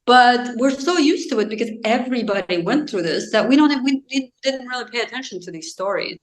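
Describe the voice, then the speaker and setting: A woman from Azerbaijan, whose first language is Azerbaijani, appears as a guest author in a casual interview, recorded with a roomy echo in a spacious setting. Her voice is slightly high, expressive and brisk, and she reflects aloud, sprinkling in plenty of "you know" and "like."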